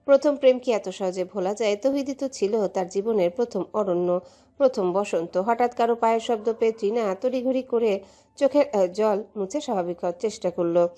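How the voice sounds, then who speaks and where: A woman narrating a romantic audio story in an emotive, steady way. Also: medium pitch, normal speed.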